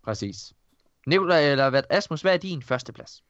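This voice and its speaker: Male podcast host, fairly high voice, informal banter, slightly muffled roomy recording. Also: lively intonation, a bit bright. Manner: informal, swearing, joshing. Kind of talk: casual chat.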